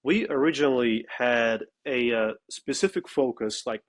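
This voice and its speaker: A man's voice: medium pitch, moderate pace. A man from Russia, a startup founder speaking bluntly and emphatically as an interview guest. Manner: blunt and emphatic, with frequent "okay?" asides. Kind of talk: casual interview talk.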